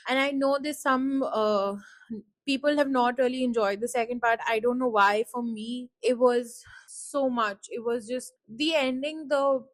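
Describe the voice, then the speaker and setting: A woman's voice: fairly high pitch, no room sound. A woman hosting a solo podcast, talking in a reflective, rambling way with many fillers and her voice choking up with emotion. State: choked up, close to tears. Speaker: podcast host. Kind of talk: casual solo podcast talk.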